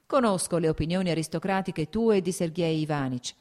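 A woman's voice: lowish voice, fairly quick, close to an everyday voice. Woman voicing an irritable, heated radical brother. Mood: impassioned. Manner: loud, heated, irritable declaiming. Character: agitated sickly radical man, older brother.

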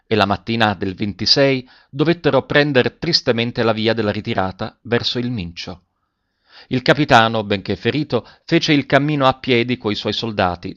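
Man reading an old story aloud, steady and expressive, mid pitch, dull dry lo-fi audio. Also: dry recording. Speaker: narrator.

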